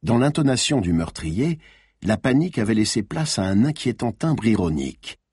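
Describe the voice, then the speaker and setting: A man narrating a thriller audiobook in an expressive, dramatic reading. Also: on the low side, moderate pace, slightly rough, dry recording, clean studio sound.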